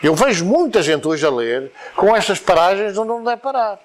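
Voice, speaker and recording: A man's voice: high-pitched, animated, moderate pace. A man with a European Portuguese accent giving an informal spoken lecture to a study group, wandering between points, repeating words and explaining with examples.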